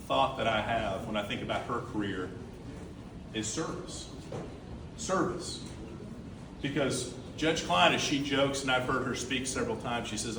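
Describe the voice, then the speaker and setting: This man has a medium-pitched voice and addresses a crowd in a big indoor hall, giving an earnest campaign speech in his role as treasurer and leaning on repeated key words. The audio comes from a room mic far away, making it echoey, and the background is noisy.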